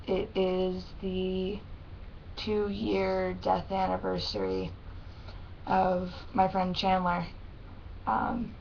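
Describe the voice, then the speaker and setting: A woman's voice: mid-range voice, vocal fry. Lisping young woman, thick swollen-tongue speech. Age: young adult. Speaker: vlogger. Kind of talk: casual personal vlog. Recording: dull lo-fi sound with faint noise.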